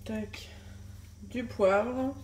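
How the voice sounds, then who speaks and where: A young French mom and family vlogger speaks very slowly in a darkish, somewhat high voice with fairly even intonation, chatting casually in her home kitchen with many fillers and restarts. She films on a handheld phone. The sound is roomy, with a little hiss or hum.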